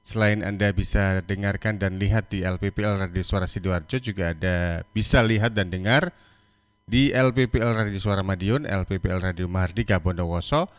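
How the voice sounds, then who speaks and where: A man's voice: low voice, normal speed, no echo. A man hosting a radio talk show in a friendly, chatty way. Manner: friendly, chatty, laughs between lines. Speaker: radio host.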